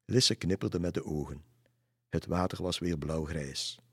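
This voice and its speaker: Guy reading a kids story, very deep, husky, dry close sound. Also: unhurried, dry recording. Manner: calm, steady reading. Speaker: narrator.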